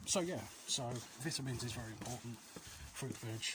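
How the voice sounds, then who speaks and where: Over clear outdoor noise, a vlog host rambles as he walks the alleys, giving viewers casual advice. His pitch is medium and his pace a little fast, and he often drifts off his point.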